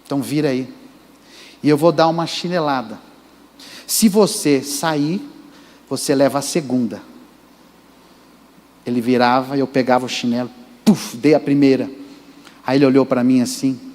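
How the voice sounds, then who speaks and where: A Brazilian Portuguese-speaking pastor preaches a sermon in a church sanctuary, emphatic and addressing the congregation directly. His mid-range voice is steady and darkish, at a normal speed with frequent pauses, and the church adds reverb.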